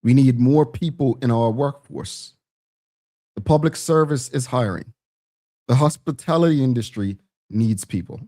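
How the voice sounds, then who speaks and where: A man with a thick Bermudian accent hosts a discussion show. His voice is mellow and soft-edged, sitting at an average male pitch. He talks straight to his audience in a conversational way, posing questions to them. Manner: rhetorical questions, addressing the audience directly. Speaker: talk show host.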